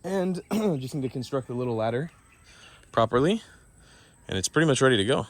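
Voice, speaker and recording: A young man casually narrating a vlog, explaining repairs and chores. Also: a little fast. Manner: loud pitched-up dog commands; relaxed explaining tone. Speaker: vlogger.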